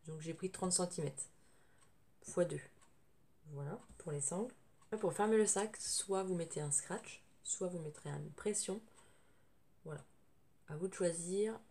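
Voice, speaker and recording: A woman hosts a casual sewing tutorial, her voice thick and strange from tonsillitis; she sounds hesitant and keeps clearing her throat. Her fairly low, dark voice is unhurried with long pauses. The camera's built-in mic picks her up from a distance, with noisy room sound.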